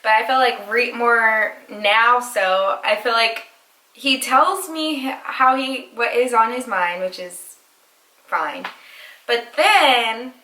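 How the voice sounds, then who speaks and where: Recorded in an echoey room, a young woman from the United States talks loosely with her husband on her vlog, wandering off topic and laughing a lot. She speaks slowly in a higher, pushed, bright voice.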